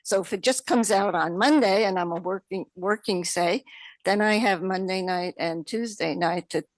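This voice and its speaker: A woman with a New York accent giving public comment at a township meeting, halting with many fillers and restarts. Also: mid-range voice, no echo.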